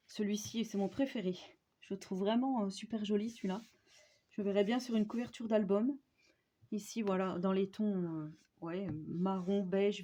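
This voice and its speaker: A woman with a Franche-Comté accent talks through a casual crafting haul vlog. Her tone is mellow and warm, and her talk is chatty and full of small fillers and tag words. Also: medium pitch. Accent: Franche-Comté French. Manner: chatty, with frequent "euh" and "hein" tags. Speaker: crafting YouTuber.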